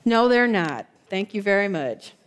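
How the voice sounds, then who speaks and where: A woman preacher giving a sermon, telling the story in a lively, conversational way and acting out the quoted lines. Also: medium pitch, a little slow, clean tone. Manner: conversational, warm asides to the congregation.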